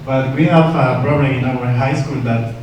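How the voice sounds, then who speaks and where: A man, an English teacher giving a halting prepared presentation. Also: mid-range voice, steady tone, a little mellow, a little hiss or hum. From Nicaragua. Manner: halting, searching for words. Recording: echoey room, far from mic.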